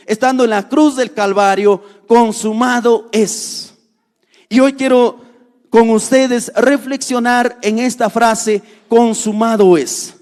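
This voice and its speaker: A man preaching a sermon as pastor, earnest, repeating key phrases slowly for stress. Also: very high voice, long reverb tail.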